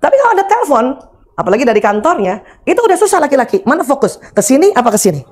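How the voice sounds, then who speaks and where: A middle-aged woman giving a religious lecture on parenting and marriage, animated and humorous, acting out everyday examples. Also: high voice, very fast.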